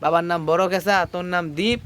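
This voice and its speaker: A man's voice: high voice, quick pace, clear, resonant tone. A man playing a crude, snappish village cyber-café operator who swears and barks orders in a comic sketch. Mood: gruff. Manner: coarse, swearing, barking orders. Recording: loud background noise.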